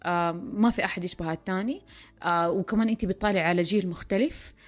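A woman's voice: lowish voice, quick pace. A woman, a relationship counselor talking through a podcast discussion and acting out the lines she quotes. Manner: animated, acts out quoted speech.

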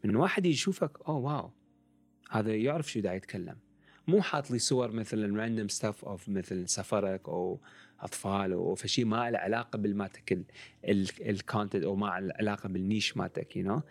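Fast-talking Iraqi man mixing Arabic and English. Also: lowish voice, gravelly. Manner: mixes English words and phrases into Arabic. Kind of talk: casual conversational coaching on marketing.

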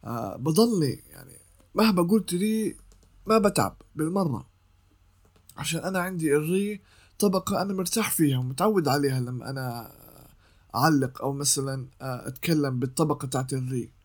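A man's voice: a little high, expressive, fairly quick. A young man explains voice-over technique in a casual tutorial, repeating points as he teaches. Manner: explanatory, repeats himself, sings scale notes.

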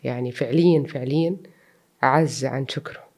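Fast-talking woman guest. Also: very deep voice, a little mellow. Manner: earnest, reflective, mixes in English words. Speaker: interview guest. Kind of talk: personal interview.

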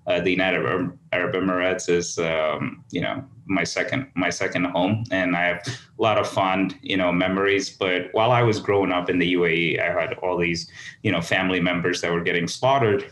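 Deep, flat-voiced man in an echoey room. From Somaliland, raised in the UAE. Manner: halting, earnest, with frequent restarts. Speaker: podcast guest. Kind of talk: conversational storytelling. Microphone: remote call. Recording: echoey room over a call.

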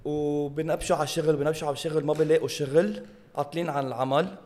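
A man's voice: fairly high pitch, steady tone, very fast, darkish tone. A man with a Lebanese Arabic accent in casual, humorous chat, telling stories with mocking mimicry and slipping in English phrases. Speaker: podcast co-host.

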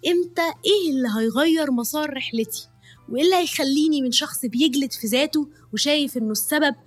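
A young woman with an Egyptian accent hosting a podcast, telling her own story in an emotional, confessional way. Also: high-pitched. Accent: Egyptian Arabic. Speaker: podcast host, nutritionist.

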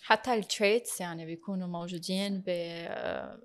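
A woman's voice: fairly low pitch, fairly even intonation, brisk. A woman with a Lebanese Arabic accent giving advice in a casual discussion, switching often into English.

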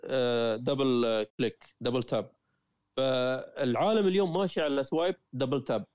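A man with a Gulf Arabic accent from Qatar, a traveler and writer talking as an interview guest, telling stories in a lively way with frequent restarts. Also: mid-range voice, normal speed, clean tone, no room sound, clean studio sound. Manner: lively storyteller, frequent self-corrections and restarts. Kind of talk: conversational interview.

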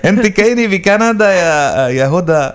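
A man hosting a morning radio show, jokey and chatty. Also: high voice. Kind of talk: casual radio banter. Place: radio studio.

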